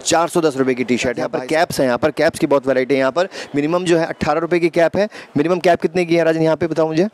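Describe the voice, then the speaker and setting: A man in his thirties with a slightly high voice shows viewers around a garment shop, talking into a handheld mic. He keeps it lively and repeats each price back to the camera. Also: fast, few pauses. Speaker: host showing a wholesale shop. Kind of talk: energetic shop-tour presenting. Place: indoor garment shop and office.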